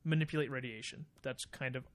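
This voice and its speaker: A man co-hosting a casual podcast speculates at length, explaining his ideas with plenty of fillers. His voice is mid-range with fairly even intonation, and he talks a little fast.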